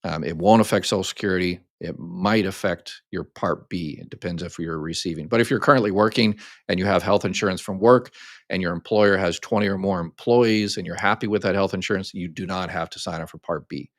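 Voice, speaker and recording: An older American man with a very low, deep voice talks through viewer questions in a relaxed, rambling way. He fills his explanations with ums and restarts. The sound is close and dry, with little room echo. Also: a little fast. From United States. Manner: casual, explains step by step with many ums and restarts. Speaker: host answering viewer questions. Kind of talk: live Q&A chat.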